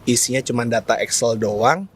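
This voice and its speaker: Interview guest, male, average pitch, Jakarta Indonesian accent, casual explainer who slips into English, faint ambient noise behind. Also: moderate pace. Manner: mixes English phrases into Indonesian. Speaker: interview guest from a social media agency.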